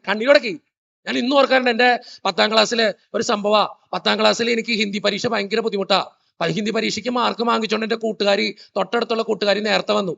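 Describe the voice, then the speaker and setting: This is a priest giving a funny motivational talk, his voice high and gravelly. He spins family stories and throws quick questions at the audience. The livestream audio is muffled and dull. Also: a bit bright. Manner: storytelling, joking, quizzing the audience. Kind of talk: humorous motivational church talk. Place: church hall.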